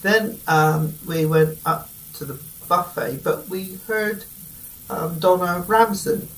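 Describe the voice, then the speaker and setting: A man's voice: sits high, takes it slowly, fairly bright tone, slight background noise. A middle-aged man vlogging on a cruise ship, chatting with humor to a handheld camera in the dining room and bar. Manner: jokey, chuckling, talking straight to camera. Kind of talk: casual vlog chat. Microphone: handheld camera at arm's length.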